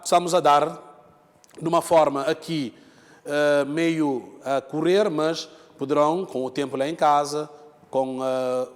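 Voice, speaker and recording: A man's voice: a little high, big-room sound. A man teaching a lesson, explaining step by step, repeating key terms and checking in with the students. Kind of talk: televised lesson.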